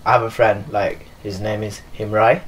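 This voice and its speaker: A man's voice: lowish voice, level tone, moderate pace, poor audio. A young man from Nepal, a dancer and choreographer, answering interview questions in a loose, filler-heavy way while seated in a living room. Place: living room with leather sofas.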